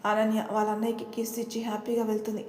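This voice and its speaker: A woman narrating a story in a steady, even storytelling manner, in a roomy, echoey recording with faint noise. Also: a little high, fast talker.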